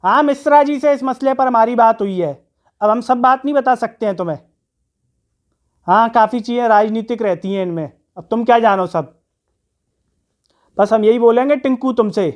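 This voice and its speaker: A man's voice: very high voice, dull audio. A man who delivers a comic monologue, teasing and scolding like an elder brother. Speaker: comedian.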